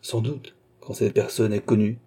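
A man's voice: on the low side, steady tone, normal speed, mellow, breathy edge. A man reading an audiobook, voicing a fretful, nervous aging philosopher who speaks cautiously and in haste. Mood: anxious.

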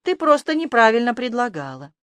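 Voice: medium pitch, sing-song, brisk, a bit bright, no room sound, pitched above the performer's own voice. An audiobook narrator voicing a sarcastic, scruffy male talking rat with a mocking, needling manner. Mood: complaining. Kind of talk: audiobook character voice.

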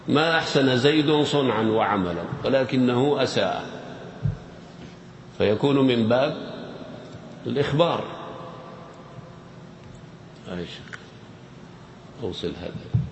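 Guy teaching grammar, playful and teasing, low gravelly voice, hall echo and a little hiss. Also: animated, unhurried, pauses often. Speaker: teacher quizzing the audience. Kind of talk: interactive grammar lesson. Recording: echoey hall with faint noise.

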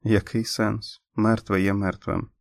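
A man narrating an audiobook in a steady, measured reading. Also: fairly low pitch, creaky, no echo. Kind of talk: scripted narration.

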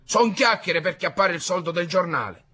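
A man voicing a sly old village patriarch who talks in a slow, sneering, knowing way. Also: high voice, bright, forceful tone, breathy edge, pitched above the performer's own voice, heavily acted.

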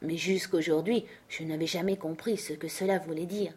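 A woman's voice: on the low side, fairly even intonation, normal speed, darkish tone, slightly rough. A woman voicing a curious young girl musing to herself in a storybook reading, in a light tone.

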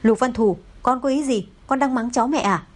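Woman reading as a soft, stern older mother. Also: on the high side, fairly quick, slightly rough. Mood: scolding. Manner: soft-spoken, scolds dryly. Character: gentle but stern older mother-in-law.

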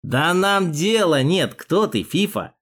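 A man's voice: on the high side, big pitch swings, normal speed. A man voicing a mocking, crude male police thug with a jeering manner in an audiobook. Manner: jeering, sneering, loud.

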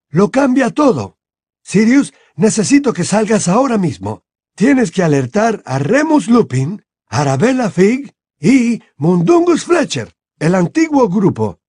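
A calm, commanding old headmaster of wizards, as the audiobook reader puts him on, raised high above a deep natural voice, husky, with a lively, swinging pitch. Every word is weighed and grave. The voice is dry and close, with no room around it. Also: male voice, dry recording, exaggerated voice. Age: over 60. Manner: measured, deliberate, grave. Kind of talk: audiobook character voice.

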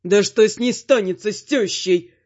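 A man's voice: sits high, normal speed, darkish tone. A male reader voicing a grumbling, indignant middle-aged father, on a dull lo-fi recording.

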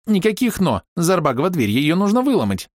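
A man voicing a cowardly, fat male baron with a squeaky, panicky voice in an audiobook. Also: big pitch swings, a little fast, darkish tone, no echo, studio quality. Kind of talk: audiobook character voice.

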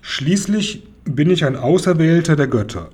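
A man's voice: medium pitch, lively intonation, brisk, dark tone, breathy edge. A man voicing a pompous, grumpy pharaoh ruler in a children's audiobook, haughty and commanding.

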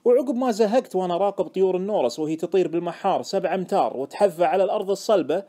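A man narrating an audiobook in the first person with expressive storytelling. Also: sits high, rapid-fire.

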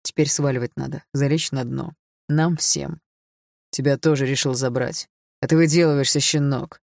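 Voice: mid-range voice, fairly even intonation, moderate pace, gravelly, a little mellow, no echo, lightly acted. An audiobook reader voicing a rich, bullying older father who barks orders harshly, in a dry, close recording. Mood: barking orders. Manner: barking, harsh, commanding. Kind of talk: audiobook character voice.

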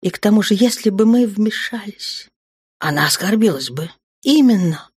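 A woman's voice: mid-range voice, expressive, moderate pace, a little mellow, slightly rough, voice pushed up. A woman reading a spirited woman commander. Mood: lively. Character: grown woman commander, spirited and caring mother. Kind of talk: audiobook character voice.

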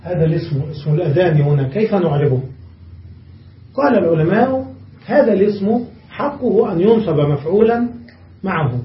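A man teaching an Arabic grammar lesson, explaining step by step and asking his students rhetorical questions. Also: sits high. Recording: dull, echoey room from far off.

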